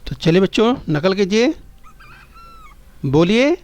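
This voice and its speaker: A man's voice: high-pitched, lively intonation, darkish tone. A patient male teacher coaxing children. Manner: patient, repeats phrases slowly for pupils to echo; addresses the children constantly, coaxing and encouraging. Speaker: primary school teacher. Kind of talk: recorded Hindi lesson for young children.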